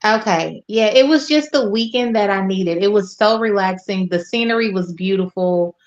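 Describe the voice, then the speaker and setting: A woman talking casually as a guest on an online show, heard through a video call whose screen has frozen, speaking in a relaxed, unhurried way. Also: medium pitch. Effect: lo-fi video call audio with a frozen screen. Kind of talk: casual chat.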